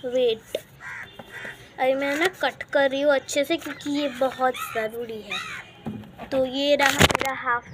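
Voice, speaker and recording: A woman's voice: high-pitched, animated, slow, long pauses, background noise. A woman hosting a casual step-by-step craft tutorial at home, chatty and calling viewers guys, repeating her instructions as she works. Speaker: craft video host.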